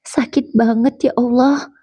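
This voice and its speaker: A woman's voice: fairly high pitch, steady tone, normal speed, dark tone, dry recording, close to an everyday voice. A woman voicing a heartbroken young wife whose voice trembles near tears. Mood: hurt.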